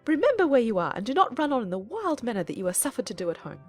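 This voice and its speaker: A woman as a fussy middle-aged mother, effusive, chattering, lively intonation, audiobook drama, music behind. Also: a little high, rapid-fire, voice pushed up. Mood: scolding. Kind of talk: dramatized audiobook character reading.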